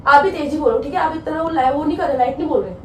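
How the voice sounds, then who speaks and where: A very high-pitched young woman fires off sharp complaints in a heated argument at home. Her voice is caught from a distance by a phone, bouncing around an echoey room with a faint hiss underneath. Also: a crowd in the background. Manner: sharp, complaining, rapid-fire retorts. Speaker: vlogger.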